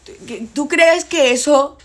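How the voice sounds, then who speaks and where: A woman's voice: high voice, slow, a bit bright. Emphatic woman arguing in casual chat. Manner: emphatic, insistent, repeats herself. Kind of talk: casual debate.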